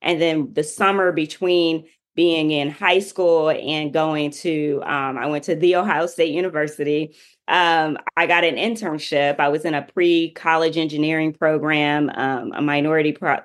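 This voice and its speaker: A woman telling her life story in a casual interview, chatty and full of "you know" fillers. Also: low voice. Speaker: interview guest.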